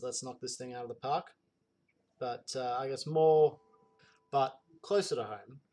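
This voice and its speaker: A man's voice: medium pitch, darkish tone. A man who plays in a role-play podcast, giving casual, grateful thank-yous with "um" fillers. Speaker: podcast player.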